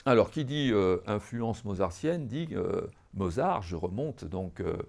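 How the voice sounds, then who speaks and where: A man's voice: fairly low pitch, expressive, measured pace, vocal fry, a little mellow. A man giving a podcast lecture on music history, explaining in a teacherly way to listeners, with many hesitations, fillers and restarts. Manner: addresses listeners directly, teacherly.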